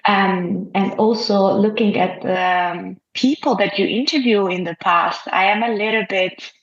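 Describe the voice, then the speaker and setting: A woman's voice: medium pitch, measured pace, reverberant, highs cut off. A woman from Albania, a guest in an interview, speaking hesitantly and modestly, with fillers and restarts. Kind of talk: casual interview conversation.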